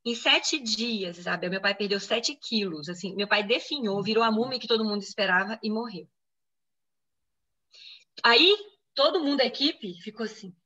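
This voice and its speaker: Speaking at a medium pitch and a moderate pace, this Brazilian woman doctor gives interview answers about a medical case she was personally involved in. The audio sounds dull, and she quotes what others said in a lively reenactment while explaining.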